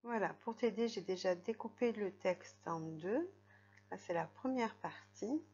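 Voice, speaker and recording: A woman's voice: fairly low pitch, darkish tone. A woman teaching young children to read, patiently guiding them through the text and spelling out letters and syllables. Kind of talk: reading lesson for young children. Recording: dull lo-fi recording.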